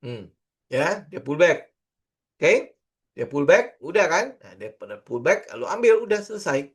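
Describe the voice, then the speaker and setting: A man's voice: a little high, big pitch swings, measured pace, breathy edge. A middle-aged man, teaching trading in a casual screen-share lesson, chatty and full of fillers and rhetorical questions. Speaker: trading instructor.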